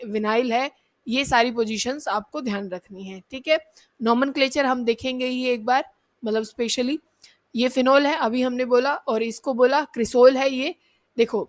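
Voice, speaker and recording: A woman teaching an exam-prep chemistry lesson, explaining step by step and answering her own questions. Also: high voice. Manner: explains step by step, keeps asking students questions and answering them herself; addresses students as kids, checks in with "theek hai".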